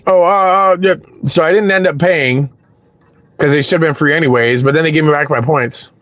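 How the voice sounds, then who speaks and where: A man's voice: on the high side, fairly quick, a bit bright, no echo. A man chatting casually with his live-stream viewers while waiting for rides in his parked car, rambling and swearing freely.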